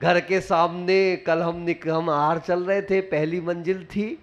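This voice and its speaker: A man's voice: sits high, level tone, slow, highs cut off. A male monk giving a sermon, full of rhetorical questions to his listeners and playful imitations of people from his anecdotes. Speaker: monk preacher.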